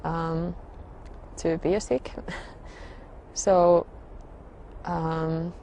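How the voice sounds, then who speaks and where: A soft-spoken woman tells her own story slowly and haltingly, pausing often to find her words. Her voice sits fairly low and stays quite flat in pitch. A faint hum of room noise lingers behind her. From Finland. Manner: hesitant, halting, with frequent pauses and fillers. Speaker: religious convert sharing her story. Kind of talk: personal testimony.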